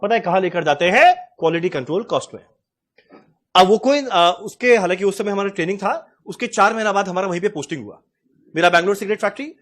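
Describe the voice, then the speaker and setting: A man's voice: high-pitched, fast, fairly bright tone. A man in his forties teaching cost accounting in a chatty, storytelling lecture. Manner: chatty, storytelling, addresses students as "tum log". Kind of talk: lecture with a personal anecdote.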